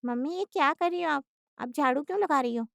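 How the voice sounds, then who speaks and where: A woman voicing a sharp, quick-witted adult daughter who questions briskly. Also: sits high, creaky, no echo, studio quality, voice pushed up. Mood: probing.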